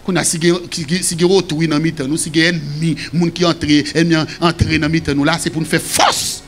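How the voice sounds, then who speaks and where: A man with a Haitian accent preaching a sermon as pastor, shouting and singing some phrases. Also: on the high side, little pitch movement, fairly quick, a little hiss or hum. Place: church.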